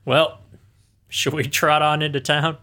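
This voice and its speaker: A man playing a tabletop game, making joking deadpan asides. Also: fairly high pitch, a little slow, a little hiss or hum. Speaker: player.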